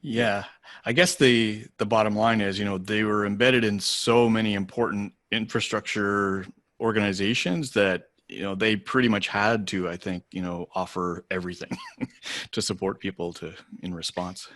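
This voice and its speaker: A man co-hosting a podcast in casual chat, thoughtful, his sentences trailing off softly. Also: on the low side, fairly even intonation, moderate pace, no room sound, clean studio sound. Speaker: podcast co-host.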